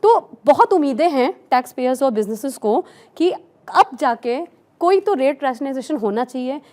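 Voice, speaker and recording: On a news panel, a woman with a fairly high voice appears as a tax expert. She explains her points at a moderate pace, expressive and warm, slipping English terms into her sentences.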